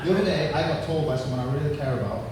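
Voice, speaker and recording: A man in his thirties from Manchester, England, rattles off crude stand-up jokes with punchy delivery in a slightly high, rapid-fire voice. The noisy pub room echoes, and he's captured from far off.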